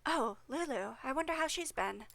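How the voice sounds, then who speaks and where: A woman's voice: sits high, lively intonation, moderate pace, gravelly, a bit bright, no room sound, heavily acted. A woman reading a dry, evasive doctor.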